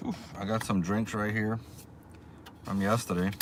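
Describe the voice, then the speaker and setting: A man hosting a casual livestream from inside a car, rambling through unhurried small talk with viewers. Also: on the low side, fairly even intonation. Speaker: livestream host, small YouTube channel. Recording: clear background noise, car ambience.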